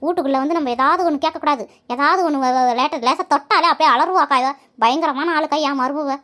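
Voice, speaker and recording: A shrill, grumbling old widow from a village cartoon, voiced by a woman. She complains endlessly about her daughter-in-law in a nasal, squeaky old voice and scolds whoever is near. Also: quick pace, fairly bright tone. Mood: complaining. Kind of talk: cartoon voice acting.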